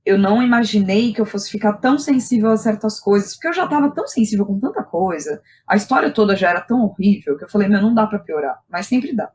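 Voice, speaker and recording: This Brazilian guest, a playwright and director, speaks quickly and expressively in a mid-range, darkish voice, hardly pausing. In a podcast interview she shares personal stories frankly and informally, using plenty of slang and tag questions.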